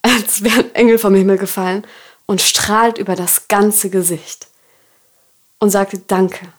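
A woman hosting a podcast, telling a personal faith story and reflecting on it in an earnest, softly confiding way. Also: mid-range voice, steady tone, measured pace. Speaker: podcast host.

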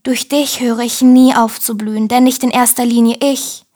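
A woman reciting devotional spoken-word poetry, slow and intimate, often sinking into whispers. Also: on the high side, level tone, mellow. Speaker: poet reciting devotional verse.

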